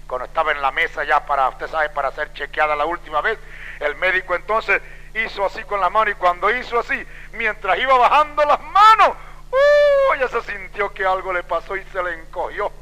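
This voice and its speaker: High, bright preacher in a reverberant church. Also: male voice, a little fast. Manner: dramatic storytelling, acts out quoted voices; swings between loud exclamations and hushed low passages. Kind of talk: sermon. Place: church sanctuary. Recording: long hall reverb.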